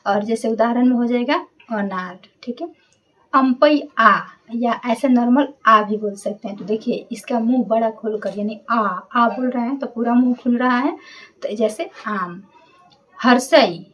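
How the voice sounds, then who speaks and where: A woman teacher giving a grammar lesson, patiently repeating each vowel sound slowly and checking in often. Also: on the high side, recorded from a distance, dull audio.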